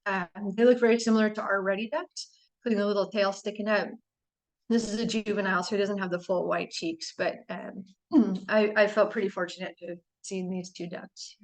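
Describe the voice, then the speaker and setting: In a rough recording, a North American woman with a steady-toned, mid-range voice presents a casual birding slide talk. She's losing her voice, keeps clearing her throat and says "um" in the pauses, but stays enthusiastic and chatty.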